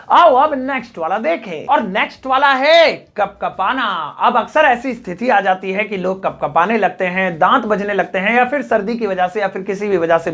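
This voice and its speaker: A man's voice: sits high, fairly bright tone. Hindi-speaking man teaching English words. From Delhi, India. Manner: repeats each English example slowly and deliberately. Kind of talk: spoken language lesson.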